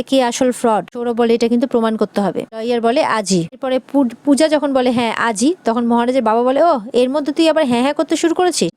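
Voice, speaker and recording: A woman quickly narrating an episode recap of a TV serial, reading out every character's lines in turn. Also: a little high, darkish tone, no room sound.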